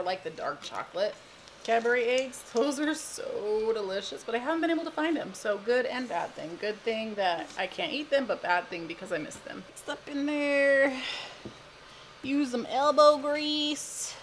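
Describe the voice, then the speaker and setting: A woman's voice: mid-range voice, slight background noise, low-quality recording. A woman in her thirties chatting casually while demonstrating a recipe in her home kitchen, giggling and wandering into asides. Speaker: home cooking host.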